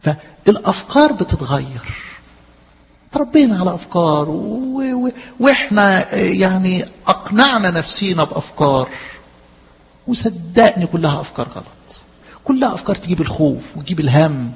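An Egyptian man preaches in a brisk, chatty style, tossing rhetorical questions at his listeners. His high voice is gravelly and breathy. The recording is muffled and carries the long echo of a church hall. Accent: Egyptian Arabic. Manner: lively, conversational preaching with frequent rhetorical questions. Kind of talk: sermon.

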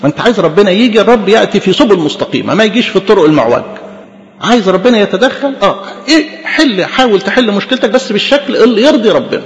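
Fast, high-voiced Egyptian preacher in a reverberant hall. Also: male voice, animated. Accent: Egyptian Arabic. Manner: impassioned, addresses listeners as beloved. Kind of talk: sermon. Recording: dull lo-fi recording with long reverb.

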